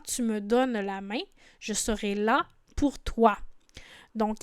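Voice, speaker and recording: A woman's voice: on the high side, clean tone, dry recording, clean studio sound. A woman explaining song lyrics in a patient lesson, repeating words and often adding "hein". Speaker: French teacher.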